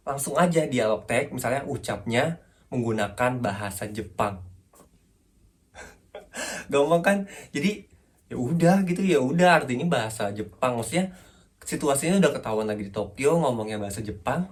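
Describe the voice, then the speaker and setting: A young man with a casual manner giving a relaxed writing lesson, correcting himself and laughing often. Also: mid-range voice. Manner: chatty, self-correcting, laughs often, asks viewers questions. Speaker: writing tips host.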